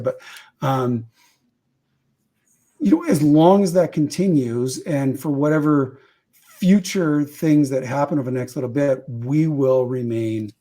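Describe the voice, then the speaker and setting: A man from Canada talks in a relaxed podcast conversation, full of casual fillers and asides. His voice is mellow and slightly husky, at an average pitch.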